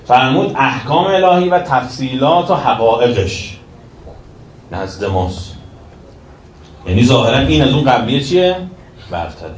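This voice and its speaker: A man giving a religious sermon, shifting between emphatic raised lines and quiet lowered passages. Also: lively intonation, long pauses. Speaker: cleric lecturing. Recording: roomy echo, distant from the mic, faint background noise.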